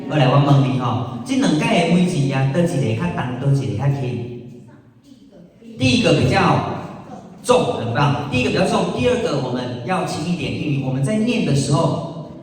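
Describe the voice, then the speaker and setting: Patient singing teacher in echoey room. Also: male voice, a little high, sing-song, a little fast, recorded from a distance. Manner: patient, coaxing, breaks into song to demonstrate. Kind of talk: step-by-step vocal lesson with sung demonstrations.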